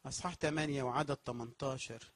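A man's voice: mid-range voice, fairly even intonation, fast, no echo. A man with an Egyptian accent preaching a sermon as pastor in a church, asking the congregation questions and answering them himself. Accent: Egyptian Arabic.

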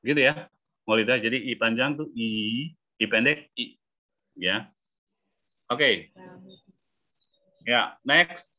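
A man coaching English pronunciation in an online class, explaining patiently and sounding out example words slowly. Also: mid-range voice, pushed and bright. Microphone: video call. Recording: muffled video-call audio.

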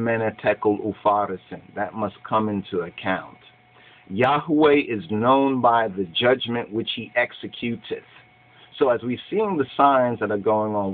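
A middle-aged man preaching and commenting on scripture in Rastafarian speech, emphatic and repeating his phrases, recorded on a webcam in a small room. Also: mid-range voice. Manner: Rasta speech, saying "I and I" and "Jah"; emphatic, repeating phrases, checking "you understand". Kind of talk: sermon with scripture reading and commentary. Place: small cluttered room indoors. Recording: thin phone-like webcam sound.

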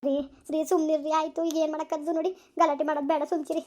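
A woman's voice: sits high, little pitch movement, very fast, a little mellow, lightly acted. A woman voicing a worried village mother who nags and pleads with her family. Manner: pleading, scolding. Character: worried village mother, nagging but caring. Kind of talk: village family drama acting.

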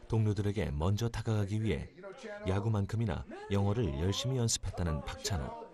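A man giving scripted, measured documentary narration. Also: fairly low pitch. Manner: measured, dramatic.

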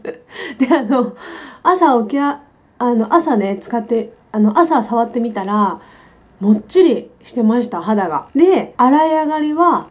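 A woman's voice: on the high side, mellow. Flustered, laughing woman in her forties. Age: 40s. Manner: flustered and self-deprecating, laughs often; polite, chatty. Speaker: beauty vlogger. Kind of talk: casual unboxing vlog chat. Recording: background music clearly audible.

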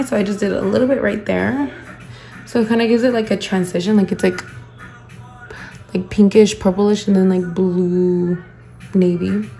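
A woman's voice: medium pitch, darkish tone. Playful woman chatting while putting on makeup. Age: young adult. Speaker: beauty vlogger. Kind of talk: casual get-ready-with-me chat while doing makeup. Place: indoor room at home.

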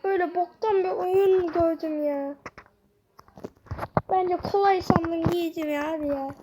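A child giving excitable commentary while playing a video game, talking to themself. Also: very high voice, unhurried, noisy background. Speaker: gamer. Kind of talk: gameplay commentary.

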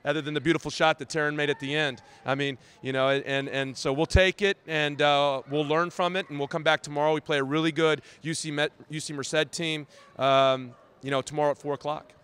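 Fast-talking, bright-voiced basketball coach. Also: male voice, fairly high pitch, steady tone, smooth. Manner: rapid, analytical, sprinkled with "you know". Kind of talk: postgame interview answers. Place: outdoors.

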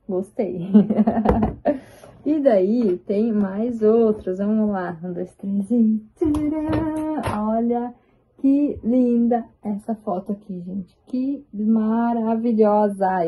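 A woman vlogger chatting excitedly as she shows her photo album, with drawn-out exclamations. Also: medium pitch, husky. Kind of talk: casual chat showing a photo album. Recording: tinny, phone-like sound.

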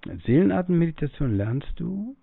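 A man's voice: on the high side, very animated, fairly quick, creaky, breathy edge, no room sound. A man giving a spiritual teaching in a musing way, acting out the voices of the people he quotes and breathing audibly as he talks. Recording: tinny phone-like audio, dry.

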